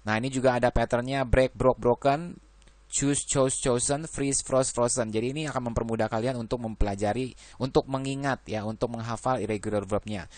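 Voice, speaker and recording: A man's voice: mid-range voice, steady tone, brisk, a little mellow, no room sound. A man teaching an English grammar lesson, working through verb lists and adding "ya" after nearly every phrase.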